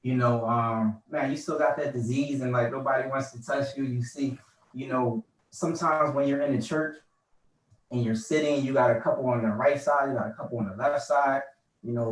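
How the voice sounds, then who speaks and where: A man's voice: mid-range voice, fairly even intonation, normal speed, reverberant, distant mic, rough recording. A man in his forties sharing wry thoughts on being single during a church group video chat. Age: 40s. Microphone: video call.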